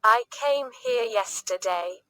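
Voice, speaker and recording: A woman speaks very slowly in a bright, pointed voice, a little higher than most. She reads short phrases for learners and repeats each one with careful clarity. The sound is dry and close, with no room around it. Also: no room sound. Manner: reads each sentence twice, clearly and deliberately. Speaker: English teacher.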